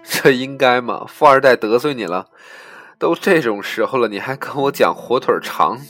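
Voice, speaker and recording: A man voicing a furious, hungry, spoiled rich young man who bellows a rant over low guitar music. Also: lively intonation, normal speed, a bit bright, natural voice. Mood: tearful.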